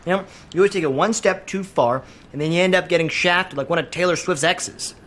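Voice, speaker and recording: A man's voice: high-pitched, brisk, a bit bright, a little hiss or hum. A man playing an opinionated, wry young buddy in a sitcom, lecturing his friend. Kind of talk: sitcom acting.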